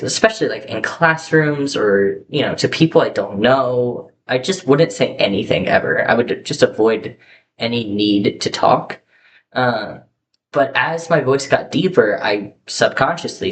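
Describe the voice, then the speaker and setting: Talking casually to his camera, this young man rambles through a personal vlog, full of fillers and self-corrections. A low-quality camera microphone leaves a faint hiss under his chatty, candid voice.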